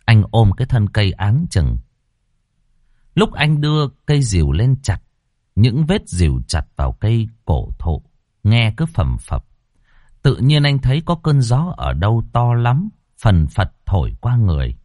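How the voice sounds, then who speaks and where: Expressive low-voiced male storyteller. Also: a little slow, no echo, clean studio sound. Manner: dramatic, expressive reading. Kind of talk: ghost story narration.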